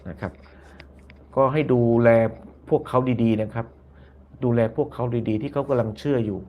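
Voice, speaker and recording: A man hosting a casual live stream, talking at a mid-range pitch. He reads out viewer comments and mulls them over aloud. He circles back on his own phrases and softens his lines with polite particles. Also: fairly even intonation, moderate pace, lo-fi sound, slight background noise. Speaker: YouTube channel host.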